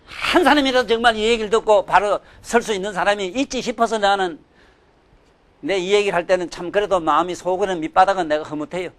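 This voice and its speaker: Older guy preaching, high voice, scolds loud then mutters low. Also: fast. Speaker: Buddhist dharma teacher. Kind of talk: sermon.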